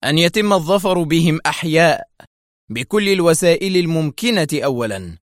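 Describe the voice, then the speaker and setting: A man's voice: on the high side, dry recording, clean studio sound, voice pushed up, lightly acted. A man doing a stern intelligence chief. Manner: stern, tense, measured. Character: stern, wary male intelligence director.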